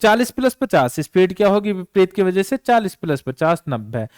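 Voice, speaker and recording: Guy doing a math lesson, high voice that swings all over, keeps asking and answering himself, dry close sound. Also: very animated, normal speed, darkish tone, clear, resonant tone, dry recording. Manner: asks questions and answers them himself, repeats each step. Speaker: math teacher. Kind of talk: exam-prep math lesson.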